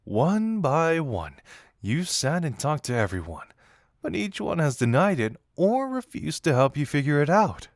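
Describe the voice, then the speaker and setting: Man acting Dazai, a teasing, lively flirt. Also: fairly high pitch, dry recording, studio quality. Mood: curious, teasing. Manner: teasing, theatrical, drawn-out words. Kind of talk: intimate roleplay audio acting.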